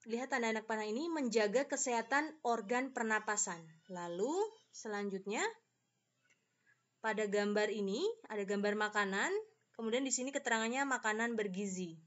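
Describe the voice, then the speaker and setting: A woman's voice: fairly high pitch, normal speed, fairly bright tone. A woman teacher, patiently explaining a lesson to children step by step. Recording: slightly dull lo-fi audio.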